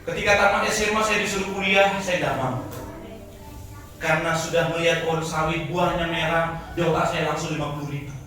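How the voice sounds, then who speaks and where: A man in his forties preaching a Christmas Eve sermon, moving between quiet personal storytelling and loud shouted exhortation. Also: a little high, steady tone, fairly quick. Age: 40s. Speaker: pastor. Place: large church hall. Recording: echoey church hall, mic from a distance, music behind.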